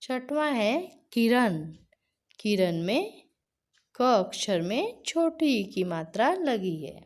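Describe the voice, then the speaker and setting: A woman's voice: a little high, very animated, slow pace, a little mellow. A woman teacher giving a patient reading lesson for children, carefully stretching out each example word.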